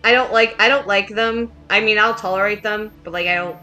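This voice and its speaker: A woman chatting casually on a live stream, speaking haltingly with many restarts. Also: mid-range voice, steady tone, over music, poor audio. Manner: halting, lots of restarts and fillers. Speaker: stream co-host. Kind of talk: casual chat.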